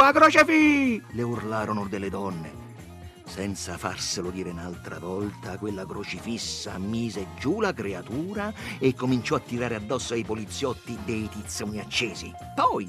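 A man reading a story aloud in a dramatic, expressive way. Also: mid-range voice. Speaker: narrator.

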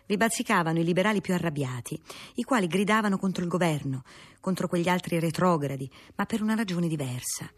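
A woman narrating a classic novel in a measured, steady reading voice, husky in tone. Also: on the low side.

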